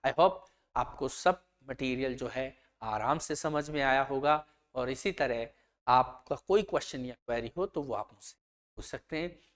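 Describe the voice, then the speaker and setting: A woman teacher with an Indian accent who gives an exam-prep lecture, reading English definitions slowly word by word and then explaining them in Hindi. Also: extremely low pitch.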